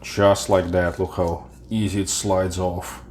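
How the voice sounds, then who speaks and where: Low-voiced man hosting a cooking show. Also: slight background noise. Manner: relaxed, halting explanations with fillers. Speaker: cooking channel host. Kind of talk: home cooking tutorial. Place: home kitchen.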